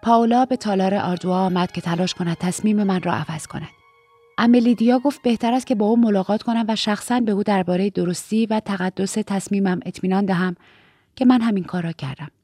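A woman narrating a novel in first person, calm and measured as an audiobook reader. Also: medium pitch, faint music behind.

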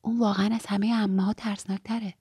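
A woman's voice: medium pitch, vocal fry, dark tone, breathy edge, dry recording, clean studio sound. Woman voicing an earnest teenage girl. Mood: whispering. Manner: eager, confiding, drops to a whisper when fearful.

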